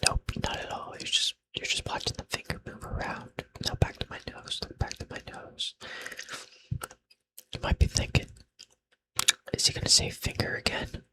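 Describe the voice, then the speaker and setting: A man's voice: moderate pace, sharp tone, low-quality recording. Man in whispered role-play, barely audible. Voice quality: breathy, unvoiced whisper. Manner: rambling, repeats short phrases over and over; playful, self-deprecating, teasing. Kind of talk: whispered role-play, unscripted ASMR eye exam.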